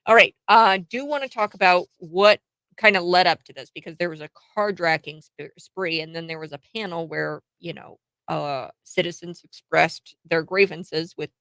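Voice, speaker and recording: A woman hosts a morning talk radio show in a slightly low voice with noticeable vocal fry. She chats and comments in an opinionated way, throwing out exclamations and rhetorical questions. The sound is dry, with very little room in it. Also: a bit bright, no echo, low-quality recording.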